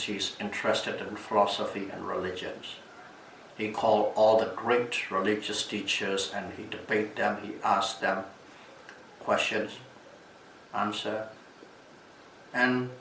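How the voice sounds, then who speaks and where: A man with a Burmese accent giving a Buddhist talk as a teacher, telling stories in a deliberate, halting way and repeating phrases for emphasis. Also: on the low side, gravelly, fairly bright tone. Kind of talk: dhamma talk with storytelling. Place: echoey room at a retreat. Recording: distant mic, echoey room, background hiss.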